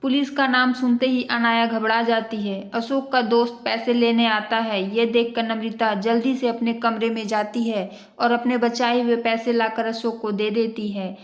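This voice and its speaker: Lady reading a moral story, steady, slightly high, echoey room. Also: normal speed, hardly any pauses. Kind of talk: scripted moral-story narration.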